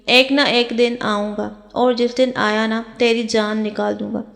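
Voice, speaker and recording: A woman's voice: a little high, level tone, gravelly, fairly bright tone. Stern, impatient young husband, scolding, with a long echo, as a woman narrator voices him. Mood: frustrated.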